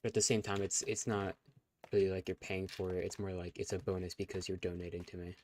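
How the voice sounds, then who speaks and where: A young man talks quickly on his own live stream, his low, darkish voice barely shifting in pitch. The chat is casual and rambling, full of fillers and restarts, and his voice is getting scratchy.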